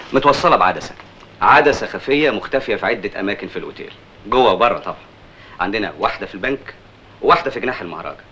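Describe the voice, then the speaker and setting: A man playing a brisk, businesslike young surveillance aide with an Egyptian accent in an old film. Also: mid-range voice, bright, forceful tone. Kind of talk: 1970s Egyptian film comedy acting. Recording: dull, noisy old film soundtrack.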